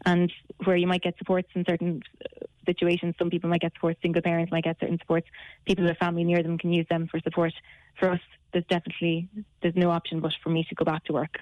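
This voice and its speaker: A woman's voice: fairly low pitch, monotone, quick pace, dry recording, muffled recording. A woman in her thirties with a west of Ireland accent, chatting matter-of-factly as a caller on a radio phone-in. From Galway, Ireland. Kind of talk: casual personal account on talk radio.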